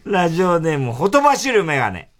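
A man's voice: fairly high pitch, very animated, quick pace. A man hosting a comedy radio show in a studio, reading listener letters and teasing bluntly. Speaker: radio host.

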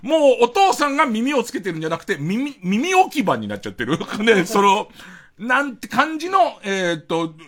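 A man's voice: high-pitched, wildly swooping pitch, moderate pace, a bit bright. A middle-aged man hosting a late-night radio monologue, rambling in a self-mocking way with chuckling asides, on a close studio mic. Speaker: radio host.

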